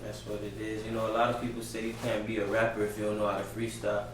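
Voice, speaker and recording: A man hosting a casual interview, relaxed and encouraging, who keeps repeating short affirmations. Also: lowish voice, quick pace. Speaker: interviewer, host. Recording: echoey room, mic far off, background hum.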